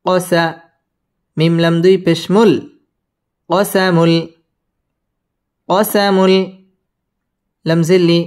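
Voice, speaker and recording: A high-pitched man leads a tajweed lesson at an unhurried pace. He spells each verse letter by letter, then draws it out in a slow, melodic chant, and switches to brisk spoken notes on pronunciation. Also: flat delivery, a little mellow. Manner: slow drawn-out melodic recitation alternating with quick spoken explanations. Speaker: Quran recitation teacher.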